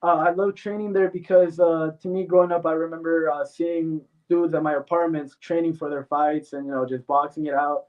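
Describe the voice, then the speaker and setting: With little pitch movement and few pauses, a Mexican-born MMA fighter talks fairly quickly in a slightly high voice, answering interview questions bluntly, confidently, and with frequent fillers. His audio is distant and tinny, like a phone.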